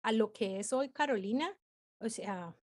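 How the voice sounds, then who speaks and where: Brief: woman in her thirties, interview guest, somewhat high voice, animated and chatty storyteller. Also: measured pace. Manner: animated, chatty, frequent filler words.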